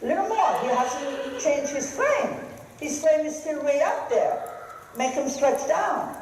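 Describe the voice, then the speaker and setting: A riding instructor coaching live in a large arena, calling out short, brisk, projected commands. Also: high voice, lively intonation. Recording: very echoey hall, some noise.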